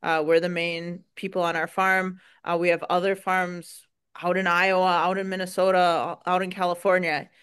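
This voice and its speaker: A woman's voice: lowish voice, little pitch movement, normal speed, fairly bright tone, clean tone. A woman with a Wisconsin accent, a dairy farmer answering interview questions in an earnest, folksy way with frequent "um"s.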